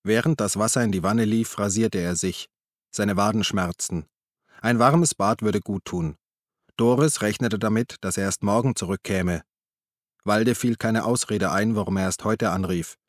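A man narrating a crime novel in a measured, even tone. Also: on the low side, no echo, clean studio sound. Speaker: audiobook narrator. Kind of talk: scripted narration.

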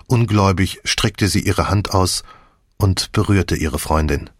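A man narrating a crime novel in the first person with measured, even storytelling. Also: low-pitched, no echo, studio quality. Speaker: audiobook narrator.

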